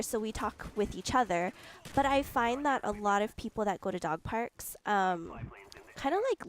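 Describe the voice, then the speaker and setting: A woman's voice: on the high side, slight background noise. A young woman telling a casual, chatty story over gameplay, giggling and filling her talk with likes and ums. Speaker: gaming video creator.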